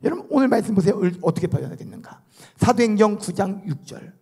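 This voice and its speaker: A middle-aged man, a pastor preaching a sermon in a church, animated and often calling out hallelujah. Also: high-pitched, fast talker, husky. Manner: animated, calls for amens and hallelujahs. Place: church sanctuary.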